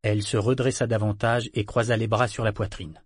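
A man narrating an audiobook novel in a measured, even storytelling manner. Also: fairly low pitch, breathy edge, no room sound, clean studio sound. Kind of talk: scripted narration.

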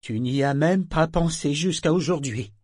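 A man's voice: fairly high pitch, moderate pace, darkish tone, dry recording, studio quality, voice pushed up, close to an everyday voice. A man reading an audiobook, voicing a distraught, bitter older mother with a trembling, emotional voice. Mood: amer.

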